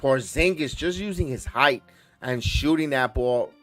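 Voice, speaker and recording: A man hosting a live watch-along, calling play-by-play in quick bursts that rise on big plays and talking to chat viewers by name. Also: medium pitch, no room sound, soft background music. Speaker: host and play-by-play caller.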